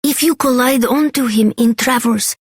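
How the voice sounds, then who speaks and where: High-voiced village boy Petya. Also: normal speed, husky, dry recording, clean studio sound. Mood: earnest, admiring. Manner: polite, earnest broken English. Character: earnest, admiring young village boy Petya.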